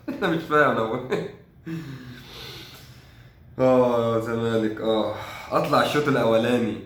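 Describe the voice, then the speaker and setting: Egyptian-accented young male fan, exasperated and sarcastic, rapid casual match recap in a roomy space. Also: medium pitch, fairly bright tone. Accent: Egyptian Arabic. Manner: sarcastic, exasperated, thinks aloud. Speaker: football fan commentator.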